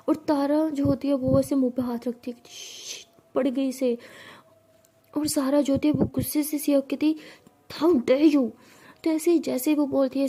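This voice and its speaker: A woman's voice: on the high side, mellow. A woman narrating a romantic story in a conversational way, sometimes correcting herself. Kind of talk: spoken love-story narration.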